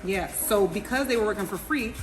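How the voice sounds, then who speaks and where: A woman chatting casually as an interviewer in a restaurant. She is animated, laughs often and turns to talk to her viewers. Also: medium pitch, brisk. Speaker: interviewer, vlogger. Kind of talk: casual chat. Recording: clear background music.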